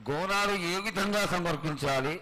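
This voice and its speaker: A man's voice: high-pitched, moderate pace, pushed and bright. A man speaks as a priest, deferentially pleading with an oracle phrase by phrase in formal ritual address. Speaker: priest putting questions to the oracle. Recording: echoey live ritual with clear background noise.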